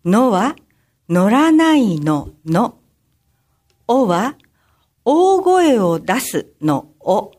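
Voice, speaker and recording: Slow deliberate woman teaching safety rules. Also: on the high side, very animated, darkish tone. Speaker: crime-prevention volunteer. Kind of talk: radio skit explaining safety rules.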